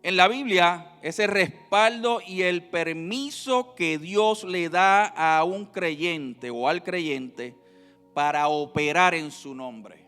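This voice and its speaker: A male pastor preaching a sermon, swinging between loud emphasis and quiet, drawn-out teaching. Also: sits high, smooth. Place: church sanctuary. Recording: reverberant hall with faint music.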